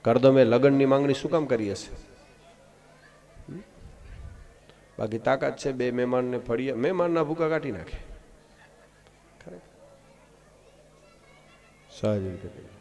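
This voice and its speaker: A man from Gujarat, giving a devotional discourse full of folk stories, acting out the characters and rising loud at punchlines, recorded live through a PA. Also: mid-range voice, measured pace, long pauses. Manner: animated storytelling, acts out voices of wife and husband, rises loud in punchlines. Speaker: katha storyteller. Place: live outdoor religious gathering.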